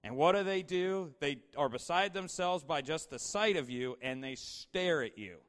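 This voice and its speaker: A man's voice: fairly high pitch, lively intonation, moderate pace, a bit bright. A man preaching a casual, storytelling sermon, asking the audience questions and saying "you know" a lot. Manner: filler-heavy, repeats "you know". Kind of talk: conversational sermon. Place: large hall with slides. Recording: long hall reverb.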